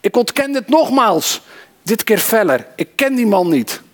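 A preacher doing a remorseful apostle confessing his failure in the first person, in a sermon monologue. His voice sits a little high for a man. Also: big pitch swings, measured pace, fairly bright tone, exaggerated voice. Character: remorseful male apostle, adult, once impetuous.

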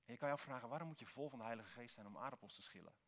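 Dutch guy preaching, mid pitch voice, earnest, gets animated sometimes. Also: very fast. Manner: earnest, with sudden lively emphasis. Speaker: pastor. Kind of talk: sermon.

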